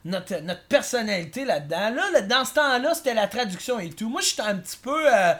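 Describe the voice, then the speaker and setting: A guest with a Québécois accent, talking in comedic interview banter with a rambling, hesitant delivery full of fillers and a deadpan, mock-serious way of boasting. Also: mid-range voice, a little fast. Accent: Québécois French.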